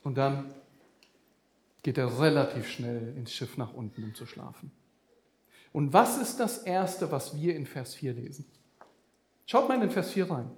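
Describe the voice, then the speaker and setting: A man's voice: medium pitch, lively intonation, unhurried, long pauses, echoey room. A man preaching a sermon, speaking animatedly with vivid comparisons and addressing the listeners directly.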